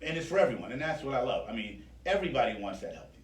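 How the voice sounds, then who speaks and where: A male radio host with a mid-range, sing-song voice talks rapid-fire in a casual, jokey, slangy interview. The mic is distant in an echoey room, with faint noise.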